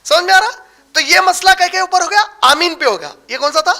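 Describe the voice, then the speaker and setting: Bright and forceful, this man's extremely high voice carries a religious lecture about prayer rulings. As an Islamic preacher, he defines terms step by step, raises rhetorical questions he then resolves, and slows down to stress key words.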